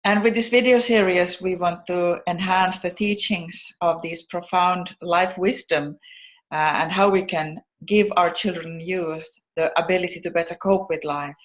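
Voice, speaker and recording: A woman from Finland, calmly introducing a video series and its topic. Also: lowish voice. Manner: calm and measured, introducing topics. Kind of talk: scripted introduction.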